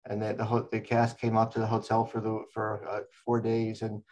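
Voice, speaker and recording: A man's voice: fairly low pitch, monotone, normal speed, a little mellow. An older man recalls his memories in an oral history interview. He rambles from one anecdote to the next and often restarts his sentences. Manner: rambling storyteller, frequent restarts.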